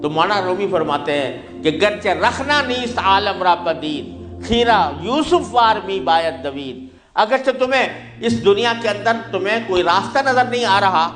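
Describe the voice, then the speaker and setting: A man giving a sermon in an earnest, exhorting manner, reciting verse and prayers between his explanations. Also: high-pitched. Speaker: religious speaker. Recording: echoey room with music behind.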